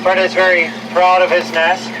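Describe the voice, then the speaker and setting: A man with a high voice narrates a zoo train tour in an easy, joking announcer manner. His voice comes over an outdoor loudspeaker, heard from some distance. Vehicle and street noise sits clearly under it. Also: completely flat delivery, normal speed. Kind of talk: scripted tour narration with jokes.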